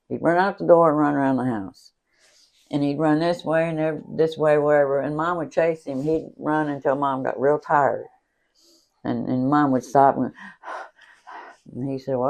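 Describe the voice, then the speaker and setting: A woman's voice: low voice, creaky. Laughing older woman telling stories. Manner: animated, laughs often, acts out quotes. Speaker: interviewee, mother. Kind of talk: casual family storytelling.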